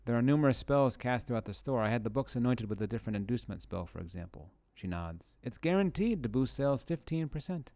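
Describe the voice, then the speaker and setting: A man's voice: medium pitch, expressive, fast talker, hardly any pauses, dark tone. A man streaming a video game, reading the game text aloud and making casual, playful comments to his chat, with frequent swearing and laughing.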